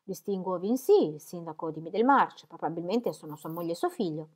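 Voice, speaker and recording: A proud young gentleman, read by a woman, speaking with plain disdain in a near-natural tone. He sounds clipped and scornful, storybook style. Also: on the low side, animated, brisk. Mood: disdainful.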